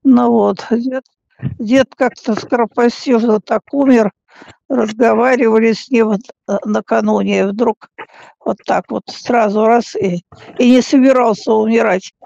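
A frail woman in her eighties chatting casually on a phone call like a great-grandmother, halting and often repeating and stammering over words. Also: fairly high pitch, steady tone, creaky, dark tone, no room sound. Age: 80s. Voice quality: frail, elderly voice. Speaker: great-grandmother talking with younger relative. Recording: dull, muffled phone call recording.

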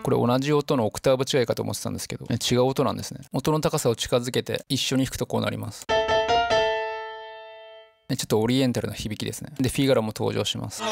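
Male music explainer, very quick delivery, gravelly tone, chatty enthusiasm, piano in the background. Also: medium pitch, steady tone. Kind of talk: music analysis commentary with piano demos. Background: piano and song excerpts.

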